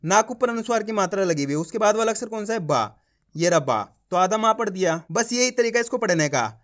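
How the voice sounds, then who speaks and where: A man giving an online reading lesson, sounding out each syllable slowly and then blending them into the word, while encouraging his viewers as friends. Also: high-pitched, animated, a bit bright. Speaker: Hindi reading teacher.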